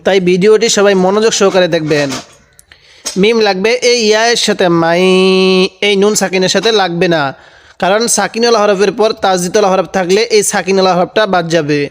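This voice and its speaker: A man from Bangladesh teaches Quran reading, breaking each word into syllables and repeating it patiently. His voice sits high and sounds smooth and resonant. A long echo trails behind him, as if he were recorded in a hall. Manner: patient, spells out syllables and repeats words slowly; asks the viewer questions, then answers them himself. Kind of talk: step-by-step spelling lesson.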